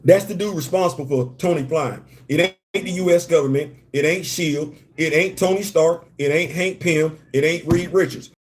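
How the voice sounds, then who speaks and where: Talking at a moderate pace with hardly any pauses, a man with a slightly high voice hosts a live stream. He's from New York with a slight Southern-tinged accent, and his animated commentary comes in emphatic, slangy, repetitive bursts as he greets viewers.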